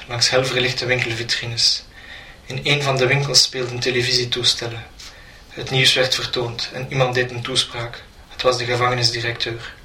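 A man reading a short story aloud in an even storytelling manner. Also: mid-range voice. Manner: flat, even storytelling delivery. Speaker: narrator. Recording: roomy, distant mic, faint noise.

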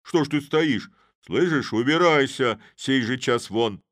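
A man voicing an angry, stern young village blacksmith who shouts gruffly in a storybook. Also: fairly low pitch, sing-song, measured pace, dry recording, studio quality.

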